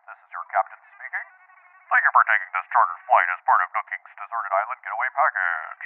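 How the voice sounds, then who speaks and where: A man's voice: lowish voice, expressive, quick pace, voice pushed down. A man voicing a polite male airline captain making a formal announcement over the intercom. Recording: tinny phone-like band.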